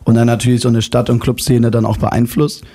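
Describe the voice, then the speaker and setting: A young man from Hamburg is chatting as a guest on the radio. He talks fast and relaxed, and his tone is warm and mellow. He fills gaps with casual little "uh"s. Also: mid-range voice. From Hamburg, Germany. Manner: relaxed, talkative, many fillers. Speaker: DJ and music producer, guest. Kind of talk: radio interview.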